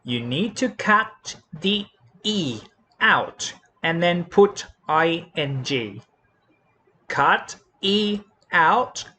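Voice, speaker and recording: A man teaching English grammar with a Thai accent, explaining slowly and repeating each word and rule, spelling out letters one by one. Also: fairly high pitch, pushed and bright, breathy edge. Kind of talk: slow classroom explanation.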